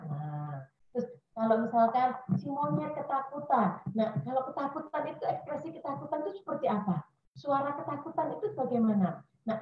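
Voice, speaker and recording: Woman, mid pitch, chatty parenting speaker who acts out quotes; echoey, muffled webinar audio. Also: a little hiss or hum. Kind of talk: informal parenting talk to mothers. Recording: echoey room, dull lo-fi audio.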